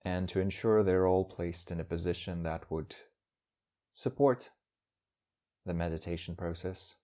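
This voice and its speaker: Guiding a meditation, a male teacher speaks with a deep voice. He keeps things calm, using brief, measured phrases and leaving pauses between them.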